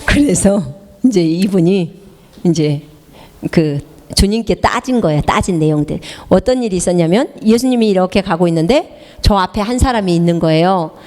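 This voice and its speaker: A woman's voice: lowish voice, animated, moderate pace, a little mellow. Emphatic woman preacher in a reverberant hall. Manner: emphatic, with rhetorical questions to the listener. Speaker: missionary preacher. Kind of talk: sermon. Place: church hall.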